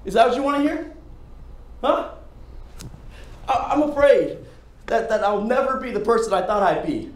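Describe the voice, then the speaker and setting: A man's voice: fairly high pitch, lively intonation, a little slow, pauses often, a little mellow, roomy sound. Man acting out an anguished divorced man. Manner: anguished, pleading outbursts. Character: bitter divorced man, afraid of himself. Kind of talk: dramatic audition monologue.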